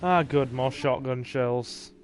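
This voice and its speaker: There's slight background noise as a man with a mid-range voice speaks slowly on his livestream. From England and English-accented, he plays a horror game and chats laid-back with viewers.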